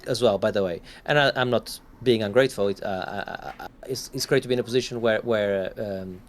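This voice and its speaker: A man's voice: fairly low pitch, quick pace. A man co-hosting a gaming podcast, talking in a rambling, casual way and swearing now and then. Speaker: podcast co-host.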